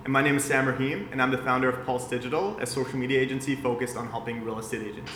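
A man's voice: mid-range voice, steady tone, rapid-fire. A man in his late twenties from Austria, a guest in a casual interview, chatty and laughing easily, with many fillers. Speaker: guest, agency founder. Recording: roomy echo with faint background hum.

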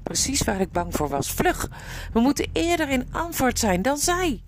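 A woman voicing a timid, gentle talking mare with a high, anxious, urgent way of speaking, in a noisy recording. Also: expressive, moderate pace. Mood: fearful, urgent.

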